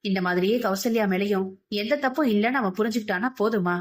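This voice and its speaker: A woman voicing a gentle middle-aged husband and father who talks in a soft, coaxing, pleading way. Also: mid-range voice, quick pace, lightly acted.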